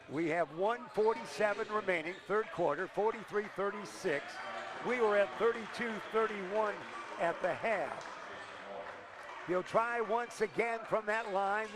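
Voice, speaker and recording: Older play-by-play announcer, high bright voice, excited calls, gym crowd around him. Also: male voice, background noise. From Illinois. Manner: rapid excited calls, chatty asides. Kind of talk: high school basketball play-by-play.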